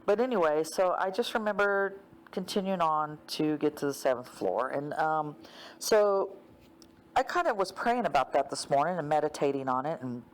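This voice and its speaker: A woman's voice: deep voice, animated, normal speed. A woman casually retelling a dream in a rambling way, full of "um" and "like,". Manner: rambling, many fillers like "um" and "like".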